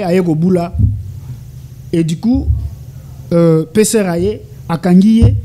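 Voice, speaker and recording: This Congolese political analyst, speaking with a Congolese French accent, gives interview answers that blend French and Lingala. High and dark-toned, he's insistent and rhetorical, stammering repeated syllables, and a little hiss or hum runs under the recording.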